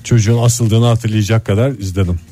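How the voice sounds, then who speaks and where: A man's voice: fairly low pitch, fairly even intonation, brisk, warm tone. A man co-hosting a radio show, taking listener calls politely and joining the jokes.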